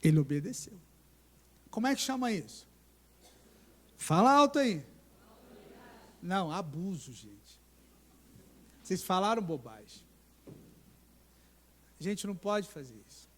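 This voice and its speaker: Speaking in a high voice that is unhurried and full of pauses, a middle-aged pastor delivers a sermon with lively storytelling, acting out voices and asking the congregation questions. The sanctuary's long church-hall reverb surrounds him.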